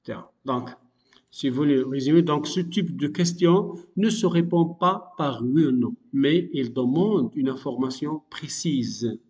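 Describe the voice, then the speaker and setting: A man teaching a grammar lesson, explaining slowly and patiently with frequent fillers and repetition. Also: mid-range voice, darkish tone, long reverb tail.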